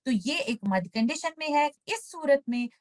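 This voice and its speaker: A woman with an Urdu accent teaching Tajweed, patiently explaining each rule and then slowly reciting the example words. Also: sits high, animated. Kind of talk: step-by-step recitation lesson.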